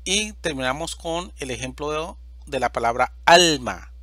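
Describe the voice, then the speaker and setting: A man teaching a slide-based Spanish grammar lesson, speaking slowly and deliberately and stressing each example word loudly. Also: on the high side, lively intonation, no echo.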